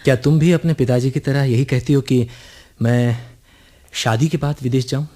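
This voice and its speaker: An actor playing a desperate, brooding young man in a radio drama, talking in a hushed, urgent way. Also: mid-range voice, normal speed, close to an everyday voice. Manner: hushed, urgent, often trailing to a murmur. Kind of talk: 1980s radio drama acting.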